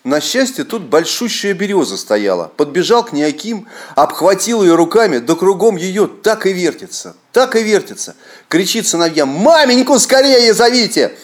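Мужчина читает народную сказку живо и выразительно. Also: male voice, sits high, moderate pace. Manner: expressive, animated storytelling. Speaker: storyteller. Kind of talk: fairy tale reading.

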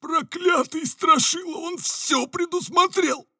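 Audiobook villain: a squealing, bossy would-be conqueror, dry close read. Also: male voice, very high-pitched, normal speed, fairly bright tone, no room sound, pitched above the performer's own voice. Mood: grumbling. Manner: pompous, bellowing commands. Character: shouting power-hungry male villain ruler. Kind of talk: audiobook character voice.

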